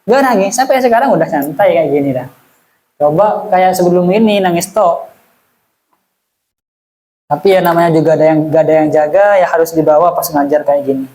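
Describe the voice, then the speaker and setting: A man's voice: a little high, brisk, pauses often, warm tone, poor audio. A man, teaching an Islamic study class in a chatty way and asking the audience questions. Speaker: religious teacher. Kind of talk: casual Islamic study lesson.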